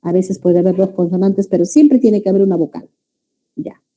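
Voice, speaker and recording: A woman's voice: mid-range voice, moderate pace, dark tone. A woman teaching a language class, lecturing students and often checking that they follow. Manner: addresses students as "jóvenes", checks understanding with "¿ya?".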